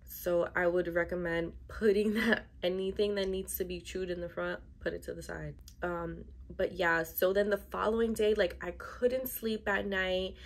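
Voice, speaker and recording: A woman's voice: fairly low pitch, fairly even intonation, moderate pace, few pauses. A young adult woman chatting casually to camera in a vlog, with an emphatic, complaining way of talking, recorded indoors in a bedroom. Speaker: vlogger.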